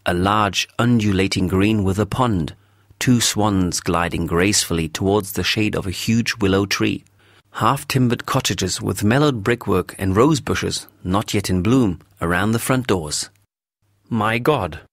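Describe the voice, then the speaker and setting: Low-voiced man narrating a story. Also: no room sound, clean studio sound. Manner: measured, clear storytelling. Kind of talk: scripted narration for English learners.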